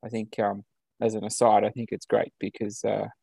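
A man's voice: lowish voice, completely flat delivery, normal speed, creaky, warm tone, husky, no echo. An Australian man co-hosting a podcast over a video call, chatting casually with lots of ums and uhs. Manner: easygoing, many ums and uhs, chuckles. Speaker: podcast co-host. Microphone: video call setup.

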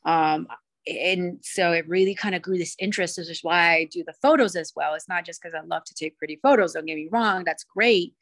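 A woman's voice: lowish voice, fairly quick, a bit bright. A young woman from Cuba, a podcast guest chatting casually in a bubbly, rambling way full of fillers. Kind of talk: casual chat.

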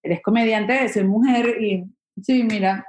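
A young woman comedian chats casually, with an animated, talky delivery full of fillers. Her voice sits a little high. The room around her rings with echo. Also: unhurried. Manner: animated, chatty, many "o sea" fillers. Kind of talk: casual interview chat.

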